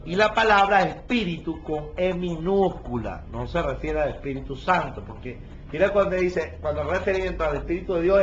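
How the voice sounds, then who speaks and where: A man's voice: a little high, slight background noise. Man teaching scripture on a dull recording. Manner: explains verse by verse, checks in with listeners. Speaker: pastor. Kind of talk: Bible study teaching. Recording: dull lo-fi recording with faint ambience.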